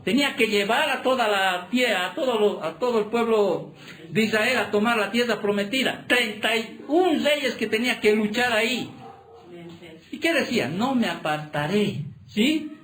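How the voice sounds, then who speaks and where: In the echoing space of a church hall, a man preaches with a high-pitched, slightly bright voice. The pastor relentlessly challenges his listeners with rhetorical questions.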